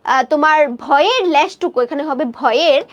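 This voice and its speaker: High-voiced woman teaching a story. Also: moderate pace, muffled recording. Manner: conversational, asking questions then answering them. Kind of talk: explaining a short story in a class lecture.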